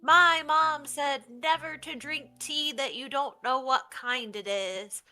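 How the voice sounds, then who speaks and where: A woman's voice: sits high, slow, bright, forceful tone, faint music behind, pitched above the performer's own voice, exaggerated voice. A woman voicing a curious, blunt young tiefling boy in a tabletop game, with hesitant, childlike questions. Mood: inquisitive.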